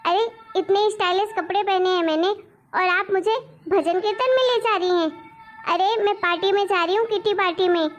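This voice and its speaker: A woman's voice: very high-pitched, moderate pace, highs cut off. A woman voicing a vain, stylish young daughter-in-law who talks down to her mother-in-law in a cartoon story. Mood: dismissive. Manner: dismissive, showy, sharp. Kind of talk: cartoon voice acting.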